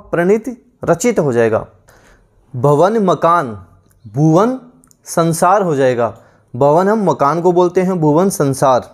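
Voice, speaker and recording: Repetitive drilling male teacher, higher voice. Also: darkish tone. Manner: repeats each word several times, drilling. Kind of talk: online exam-prep lesson.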